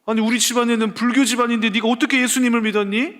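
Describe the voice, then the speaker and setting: A man's voice: very high-pitched, steady tone, rapid-fire, a bit bright, pitched above the performer's own voice. A man acting out a worried mother who questions her son in disbelief. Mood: incredulous. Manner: incredulous, questioning.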